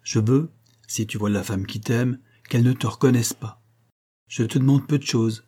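A man voicing a jovial, theatrical male opera singer who speaks in a lively, expansive and commanding way. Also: medium pitch, moderate pace, husky, close to an everyday voice.

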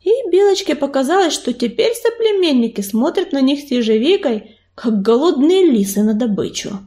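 A woman narrating a children's fantasy audiobook in an expressive, dramatic manner. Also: sits high, moderate pace. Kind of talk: scripted storybook narration.

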